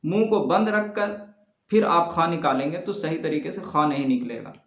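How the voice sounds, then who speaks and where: A man teaching Quran letter pronunciation step by step, patiently repeating each sound slowly and loudly. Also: fairly high pitch, animated. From South Asia. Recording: echoey room.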